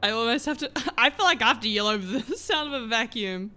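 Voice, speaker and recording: Giggly bright-voiced woman streamer. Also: a little high, animated, fast. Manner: giggly, chatty, easily amused. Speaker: streamer playing a roleplay game. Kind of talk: casual live-stream chat. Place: home room with a vacuum running.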